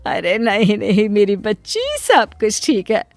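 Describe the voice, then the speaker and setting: A woman voicing a self-sacrificing middle-aged mother in a cartoon story, speaking softly and pleadingly. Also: mid-range voice, expressive, a little slow, creaky, faint music behind. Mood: gentle. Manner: soft, pleading.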